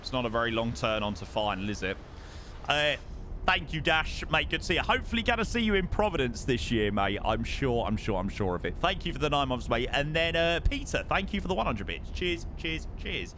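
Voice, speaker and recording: A British man with a bright, mid-pitched voice streams a flight simulator. He talks in a casual, matey way, repeating words, over faint aircraft noise. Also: big pitch swings, brisk. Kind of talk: casual livestream chat and flying commentary.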